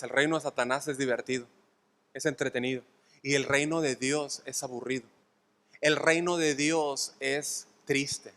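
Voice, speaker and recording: A man's voice: medium pitch, sharp tone. A man with a Mexican accent, a pastor giving an expository sermon, often checking in with the congregation and repeating his points for emphasis. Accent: Mexican Spanish. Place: church sanctuary. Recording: long hall reverb.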